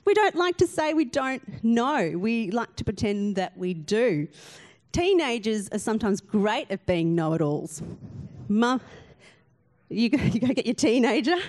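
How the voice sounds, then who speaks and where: A woman's voice: a little high, very animated, unhurried, a little mellow. A woman pastor giving a sermon in a conversational, self-deprecating way, often putting questions to the congregation.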